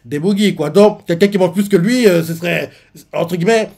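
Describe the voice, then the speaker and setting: A man's voice: high-pitched, a little fast, gravelly, darkish tone. A man recapping and reacting to a manga chapter in a casual live stream, rambling with many fillers. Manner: rambling, full of fillers like "en gros" and "quoi".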